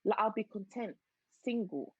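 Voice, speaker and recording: This young woman's voice is mid-range and husky, animated but moderately paced, as she hosts a casual podcast and reflects earnestly on her faith. Her audio is dull, dry and lo-fi, without echo.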